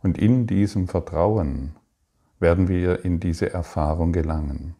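Slow, deep-voiced calm German man. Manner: slow, calm and reflective, with many pauses and restarts. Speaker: spiritual teacher. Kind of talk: meditative spiritual talk.

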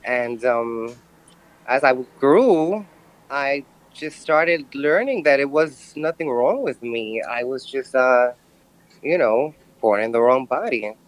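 Halting, reflective guest with a mid-pitched male-sounding voice. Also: expressive, low-quality recording. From Brooklyn, New York. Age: early thirties. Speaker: podcast guest. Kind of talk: personal interview.

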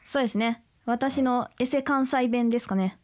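A woman's voice: a little high, normal speed, darkish tone. A woman from Fukuoka, a voice actor, chatting casually with short, modest replies. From Fukuoka, Japan. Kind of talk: casual panel chat.

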